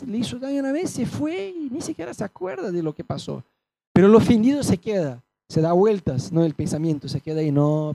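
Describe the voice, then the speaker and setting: Dark-voiced Rioplatense preacher, animated. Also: male voice, extremely high pitch, creaky, no echo. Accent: Rioplatense Spanish. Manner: animated storytelling, acting out quoted voices. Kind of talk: sermon.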